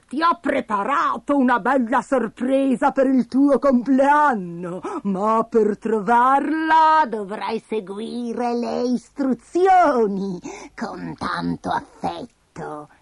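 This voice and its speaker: A woman voicing a sly, playful grandmother who speaks slowly and deliberately, in a storybook reading. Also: fairly high pitch, lively intonation, gravelly, no room sound, exaggerated voice. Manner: slow, deliberate.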